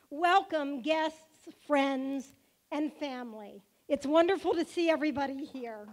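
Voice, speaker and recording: High-voiced woman giving a playful banquet speech. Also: slow. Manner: playful, joking speaker. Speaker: synagogue president. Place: large event hall in a car museum.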